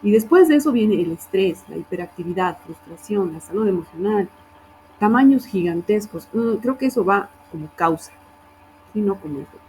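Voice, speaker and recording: A woman's voice: mid-range voice, lively intonation, moderate pace, darkish tone, slight background noise, low-quality recording. A woman teacher reviewing student assignments, correcting wording and often checking in with her class.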